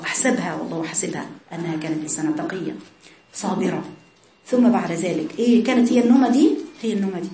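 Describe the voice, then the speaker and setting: A woman's voice: on the low side, reverberant. A woman with an Egyptian accent giving a religious lesson to young women, earnest and emphatic, repeating her key phrases. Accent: Egyptian Arabic. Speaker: religious teacher.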